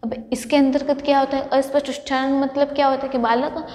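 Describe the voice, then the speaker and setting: A woman lecturer gives a college lesson in a high voice. She works through each point by asking a question and then answering it herself. The recording carries the long echo of a large hall. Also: flat delivery, fast talker, a little mellow. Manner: explains by asking and answering her own questions. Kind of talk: classroom lecture.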